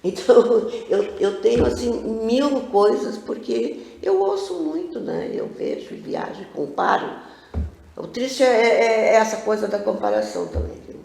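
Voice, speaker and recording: Speaking at a measured pace, this older woman has a gravelly, slightly high voice. She's a local cultural figure guesting in a casual TV studio interview, spinning lively, wandering tales with frequent digressions, and the room gives off a spacious echo.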